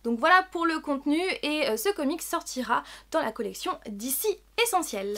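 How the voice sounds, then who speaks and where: A woman's voice: very high voice, pushed and bright. A woman presenting upcoming books in a casual vlog, enthusiastic and often repeating words for emphasis. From France. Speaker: book vlogger. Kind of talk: casual book review vlog.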